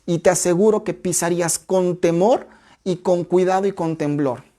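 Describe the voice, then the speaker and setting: A woman teaching a church Bible study in a measured, explanatory way, reading scripture aloud. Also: fairly low pitch, fairly even intonation, mellow.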